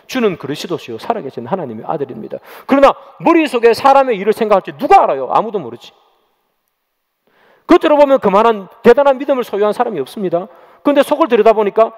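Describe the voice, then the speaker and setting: A man's voice: sits high, sing-song, fast talker, a little mellow. Pastor guy preaching, dramatic, voice jumps all over, asks the congregation stuff. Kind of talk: sermon. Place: church sanctuary. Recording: long church reverb.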